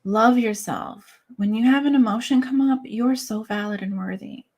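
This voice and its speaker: A woman's voice: a little high, moderate pace, darkish tone. A young adult woman speaking as an interview guest, talking candidly and emotionally with many "like" fillers. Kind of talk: candid personal interview talk.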